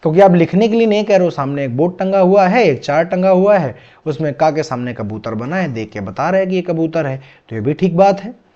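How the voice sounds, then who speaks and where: Male teacher, exam-prep lecture, somewhat high voice, patient question-and-answer delivery, muffled lo-fi sound. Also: animated, brisk, mellow. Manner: explains patiently, asking and answering his own questions.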